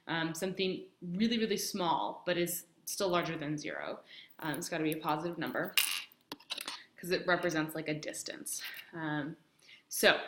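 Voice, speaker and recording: A woman's voice: fairly low pitch, fairly bright tone, slight background noise. Chatty woman teaching math, echoey room. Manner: chatty, many ums, talks to herself while writing. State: has the hiccups. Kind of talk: casual math lesson.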